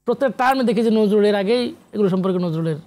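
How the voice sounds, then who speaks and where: Racing along in a high, somewhat mellow voice, the Bangladeshi guest holds forth in an animated TV interview discussion. He's a professor and literary researcher, lecturing with emphasis and dropping English academic terms into his speech.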